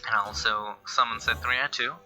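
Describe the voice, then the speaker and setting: A man's voice: mid-range voice, steady tone, moderate pace, pushed and bright, soft background music, rough recording. A man giving casual game commentary, thinking aloud in a hesitant way. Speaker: gameplay commentator.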